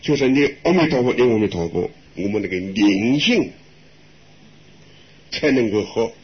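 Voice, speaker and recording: An older man, a monk, giving a gentle, chuckling Buddhist talk in an unhurried way. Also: fairly low pitch, lively intonation, breathy edge. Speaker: elderly monk answering questions. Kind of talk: dharma talk with live interpretation. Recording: dull lo-fi recording with faint hiss.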